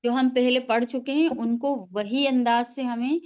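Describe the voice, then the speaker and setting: A woman's voice: on the high side, fairly even intonation, a little mellow, clean tone. A woman teaching pronunciation in an online class over a video call, patiently modelling each sound for her students to repeat. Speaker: tajweed teacher.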